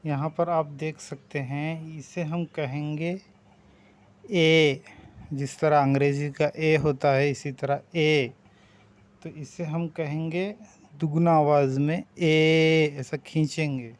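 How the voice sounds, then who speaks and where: Slow, patient man teaching vowels. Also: a little high, little pitch movement, darkish tone. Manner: patient, drawn-out vowel demonstrations. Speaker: language teacher. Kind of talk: slow spoken language lesson.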